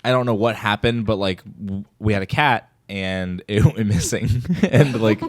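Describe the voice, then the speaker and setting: A man's voice: fairly low pitch, moderate pace, no room sound, clean studio sound. A young man from the American Midwest, co-hosting a podcast and telling a rambling story full of fillers and restarts. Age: young adult. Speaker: podcast co-host. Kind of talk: casual chat.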